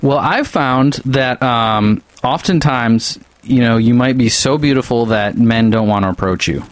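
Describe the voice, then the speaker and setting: A man hosts a talk radio show with a deadpan, self-mocking sense of humor. His voice sits at an ordinary middle pitch. It sounds dry and close, with no room in it. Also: unhurried, no echo. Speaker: radio host. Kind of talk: casual comic chat.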